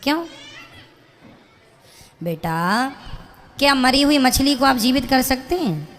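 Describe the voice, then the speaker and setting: High-voiced woman preacher in a reverberant hall. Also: animated, slow pace, fairly bright tone, a little hiss or hum. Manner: lecturing with rhetorical questions. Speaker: spiritual preacher. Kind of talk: preaching to an audience member.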